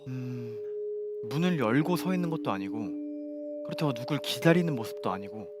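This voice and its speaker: Young man with a higher voice telling ghost stories. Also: animated. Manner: polite, measured formal narration. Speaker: show co-host telling a ghost story. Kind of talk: spoken storytelling among friends. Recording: music behind the voice.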